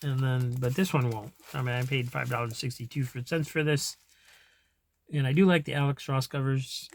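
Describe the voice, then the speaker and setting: A man's voice: medium pitch, steady tone, moderate pace. A man in casual chat as a comic collector vlogger, rambling, trailing off and chuckling to himself as he goes.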